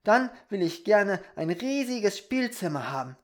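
A storybook reader voicing a small, wide-eyed boy who asks and wishes for things in an excited, eager way. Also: medium pitch, measured pace, pitched above the performer's own voice.

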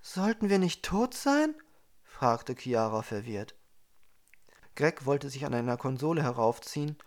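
A man calmly narrating a science fiction audiobook in a steady storytelling manner. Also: mid-range voice. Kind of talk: scripted narration.

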